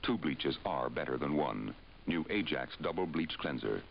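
A very deep, gravelly man delivers a 1950s TV commercial voice-over with an emphatic salesman's push. His pitch swings widely, and the sound is dull vintage broadcast audio. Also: animated, normal speed, slight background noise. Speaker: commercial announcer.

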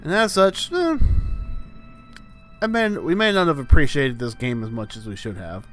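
A man's voice: a little high, expressive, normal speed, fairly bright tone, soft background music. A man commenting on a video game as he plays it, with dry, wry humor and meandering asides. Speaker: let's play host. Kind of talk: gameplay commentary.

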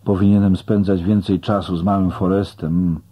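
A man reading an audiobook aloud in a slow, plain first-person storytelling manner. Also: low voice, little pitch movement, slightly rough, dull audio. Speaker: audiobook narrator. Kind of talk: audiobook narration.

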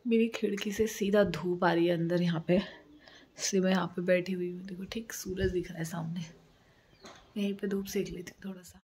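A woman's voice: on the low side, steady tone, normal speed, a little mellow, a little hiss or hum. A woman in her thirties chatting casually to camera as a home vlogger, rambling and repeating herself. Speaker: vlogger and single mother. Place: indoors by a sunny window at home.

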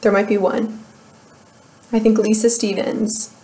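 A young beauty vlogger with an American Midwest accent chats casually in a product update, rambling and laughing at herself. Her voice is mid-range, warm, and fairly flat at a measured pace. She records on a webcam in a small room at home, and the audio is poor.

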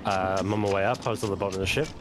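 A man's voice: sits low, fairly even intonation, very fast. A man trading casual, teasing banter with friends as a fellow player in a game. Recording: faint background game noise.

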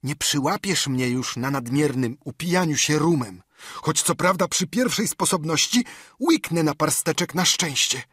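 A man's voice: on the high side, normal speed, breathy edge, no room sound, studio quality, voice pushed up. A man voicing a half-mad marooned castaway who is eager, wheedling and keeps repeating himself. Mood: confiding. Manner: excitable, pleading, repeats himself.

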